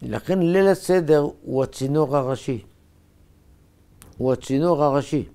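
A man, a rabbi, preaching a sermon in short, emphatic, measured phrases. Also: on the high side, mellow.

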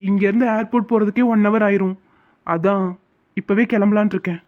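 A performer voicing a steady, kind young man who is a police officer in a cartoon. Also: medium pitch, a little fast, lightly acted. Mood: calm. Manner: reassuring, calm. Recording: tinny phone-like sound.

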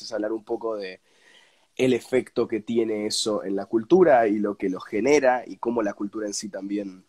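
A young Argentine man talks in a fairly low voice, stuffed up and snotty with a cold. He answers casually in an interview over a video call, often repeating words while he looks for the next phrase. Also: darkish tone. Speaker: interview guest, radio presenter. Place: indoors at home, on a video call.

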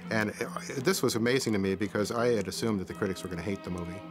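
A man in a retrospective interview, telling stories in a relaxed, reflective way. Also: on the low side, fast, over loud music. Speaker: director interviewee.

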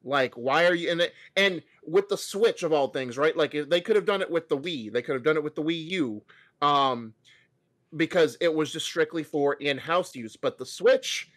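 A man in his thirties talks gaming news over a video call from home. His voice sits a little high for a man. He argues his point with energy and keeps restarting his sentences, with plenty of fillers along the way. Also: moderate pace. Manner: animated, opinionated, frequent restarts and fillers. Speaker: co-host. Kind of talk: casual gaming news chat. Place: home room.

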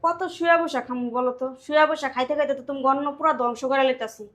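A frail, self-effacing old mother-in-law, played by a woman. She pleads softly and hurries through her words in a fairly high voice. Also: very fast. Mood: pleading. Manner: pleading, soft-spoken. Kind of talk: amateur drama acting.

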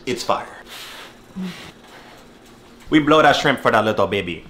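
A man's voice: mid-range voice, lively intonation, a little slow, a bit bright, a little hiss or hum. A young man in his twenties hosting a home cooking vlog, joking in a mock-formal broken chef talk. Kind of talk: joking cooking show narration. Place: small home kitchen, indoors. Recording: echoey kitchen with sizzling pan.

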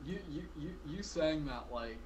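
Around twenty years old, this podcast guest speaks casually from his bedroom via video call, wandering off topic, using many fillers and stopping himself mid-thought. His voice is a little high with a darkish tone and lively intonation, his pace a little slow, and a faint hiss or hum is audible.

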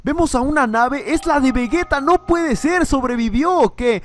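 A man hosting a reaction video, reading a fan comic aloud and acting out the characters' lines with shouts. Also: very high-pitched, normal speed. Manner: animated, acts out characters' lines with loud yells.

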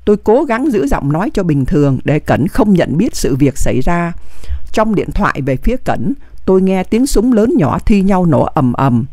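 An audiobook reader tells a wartime memoir with strong emotion. The pitch moves widely across each phrase, and the voice sits dry and close to the mic, with no room sound. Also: sing-song, moderate pace, a little mellow, dry recording. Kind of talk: dramatic memoir reading.

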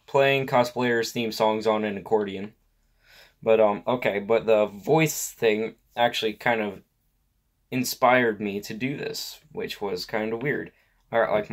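Rambling man vlogger with a lowish voice, heavy on filler words. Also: fairly even intonation, a little slow. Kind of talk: casual talk to camera.

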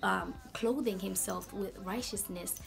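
A woman hosting a casual Bible talk vlog in a chatty, slangy, animated way. Her voice is going hoarse. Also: medium pitch, measured pace, faint music behind. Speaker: video host.

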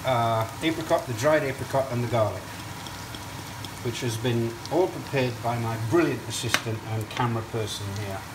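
A man's voice: mid-range voice, moderate pace, recorded from a distance. A man talks as a cooking show host, casually explaining each step to camera in a chatty, digressive way. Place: indoor kitchen at a stove. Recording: echoey kitchen, off-mic, hiss and sizzle. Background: frying sizzle and stirring.

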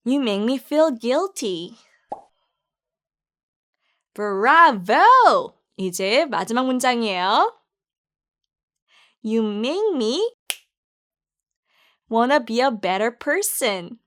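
A woman's voice: on the high side, a bit bright. Cheerful woman coaching English pronunciation. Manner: upbeat, praising, spelling out each word slowly. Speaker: English teacher. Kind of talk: slow pronunciation drill.

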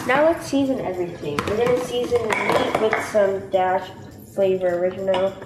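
A woman's voice: medium pitch, normal speed, very noisy. A young woman vlogging as she cooks in a large home kitchen, explaining each step in a chatty way. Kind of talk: casual cooking vlog. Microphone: handheld camera, at times set down further away. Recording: echoey kitchen with music behind.

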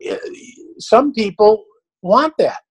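A man's voice: high-pitched, expressive, slow pace, slightly rough, poor audio. An older man, a dog trainer, answering questions in a blunt, folksy, plain-spoken way.

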